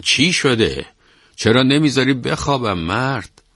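A man voicing an old wife who is frightened and curious, speaking in high, alarmed exclamations. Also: fairly even intonation, vocal fry, slightly rough, no echo, studio quality, exaggerated voice. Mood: drowsy irritation.

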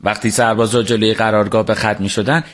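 A man narrating a book on the radio in a calm, measured storytelling manner. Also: lowish voice. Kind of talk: scripted narration.

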